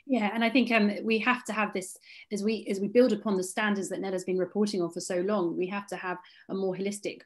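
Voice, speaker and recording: A woman's voice: medium pitch, fairly even intonation, quick pace. A woman moderating a medical webinar, putting questions to the panel over a video call. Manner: inquisitive, poses questions.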